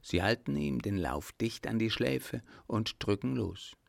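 A man voicing a cautious plotting baron in a spoken storybook, speaking low and conspiratorially. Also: lively intonation, measured pace, creaky, heavily acted.

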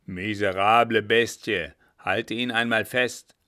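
Man doing a barking, gruff army captain. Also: fairly low pitch, moderate pace. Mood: angry, barking. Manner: loud, barking and threatening. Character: gruff, irritable French army captain, middle-aged man.

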